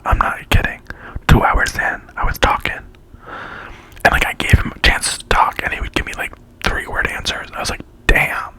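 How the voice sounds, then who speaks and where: Whispering an ASMR storytime full of slang and chatter while eating, the speaker acts out quoted dialogue. The tone is bright and forceful, and the recording is rough.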